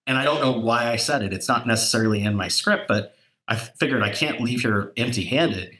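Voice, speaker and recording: A man telling real estate sales stories in a casual chat, animated and jumping up in pitch when he quotes people. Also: a little fast. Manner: animated storyteller, voice jumps up for quoted dialogue. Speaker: real estate broker and podcast co-host.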